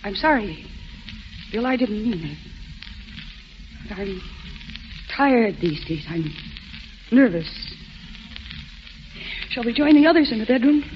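An actress playing Mary, a rich, restless society wife in a 1940s radio drama, on a dull old recording. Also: female voice, fairly high pitch, animated, slow, pauses often, a little hiss or hum. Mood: breezy.

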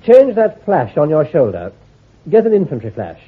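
Over thin, phone-like audio, a heavily acted army intelligence commander from an old radio drama barks out orders. He is shrewd and brisk, clipped and authoritative, with a commanding mood. His voice carries a slight huskiness and plenty of pitch movement.

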